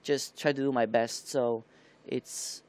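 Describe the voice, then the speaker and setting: Young halting man with a smooth voice. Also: mid-range voice, steady tone, darkish tone, no room sound. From Taiwan. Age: young adult. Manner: halting, searching for words with many fillers. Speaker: motocross rider guest. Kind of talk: studio interview answers. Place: TV studio.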